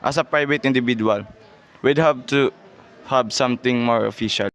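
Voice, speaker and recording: A man playing a formal, unhurried and skeptical chief telephone operator in an amateur radio play. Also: medium pitch, close to an everyday voice. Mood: formal, doubtful. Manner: formal, procedural.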